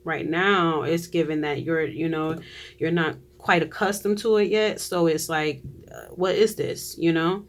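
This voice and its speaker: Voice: medium pitch, steady tone, unhurried. A tarot reader giving a casual reading to viewers, chatty, often trailing off and restarting, with frequent laughs.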